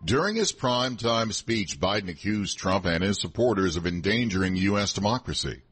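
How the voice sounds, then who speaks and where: Low, husky male newsreader. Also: lively intonation, moderate pace, fairly bright tone. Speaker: news anchor. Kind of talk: scripted radio newscast.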